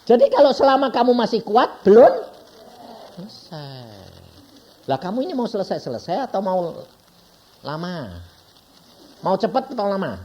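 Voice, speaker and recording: A man's voice: high-pitched, moderate pace, pauses often, muffled recording. A man with a Javanese accent preaching a sermon in a chatty style, firing questions at the congregation. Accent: Javanese-accented Indonesian. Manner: lively, conversational preaching with frequent questions to the congregation. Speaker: evangelist preacher.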